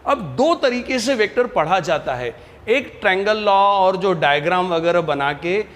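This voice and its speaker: A man's voice: high voice, a bit bright, in a large hall. A man teaching maths in a classroom, explaining step by step and repeating key words. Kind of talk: classroom lecture.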